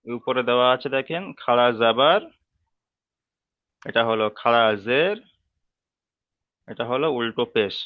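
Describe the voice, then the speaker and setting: A man with a Bengali accent teaching a slow, step-by-step reading lesson, patiently repeating each term and drawing out each sound. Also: mid-range voice, no room sound, narrow, tinny audio.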